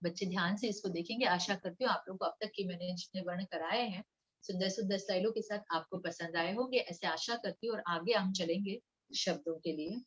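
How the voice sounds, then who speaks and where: A woman teaching Hindi to young children in a coaxing, sing-song way, sounding out syllables slowly. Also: mid-range voice, slightly rough, dull audio. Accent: Mumbai Hindi. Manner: slow syllable-by-syllable reading for repetition. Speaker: primary school Hindi teacher. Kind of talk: online children's lesson with slides.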